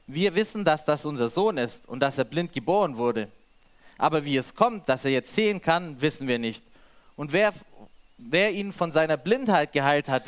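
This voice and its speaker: A man reading scripture aloud and then preaching freely, with some restarts. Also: fairly high pitch.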